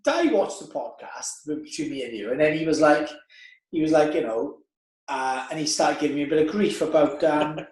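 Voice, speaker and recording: Storytelling man, slightly high, roomy echo. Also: normal speed. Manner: lively anecdotal storyteller. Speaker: podcast host. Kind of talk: casual chat.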